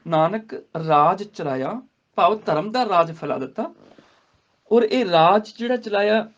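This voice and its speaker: Male scripture teacher, high voice, dull lo-fi recording, slow verse readings then steady explanation. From India. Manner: recites verses slowly, then explains word by word. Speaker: Gurbani grammar teacher. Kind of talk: scripture recitation and explanation class. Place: gurdwara class.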